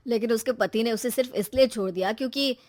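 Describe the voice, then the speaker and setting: An earnest, trusting young brother in an animated moral story, acted by a woman. He explains himself sincerely, in a voice still fairly high for a man. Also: quick pace, no room sound, natural voice.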